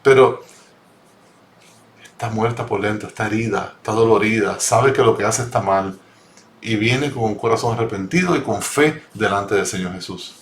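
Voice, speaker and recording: A man's voice: on the low side, normal speed. A man teaching a Bible study, reading scripture and explaining it earnestly, often repeating and rephrasing his words. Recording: roomy echo.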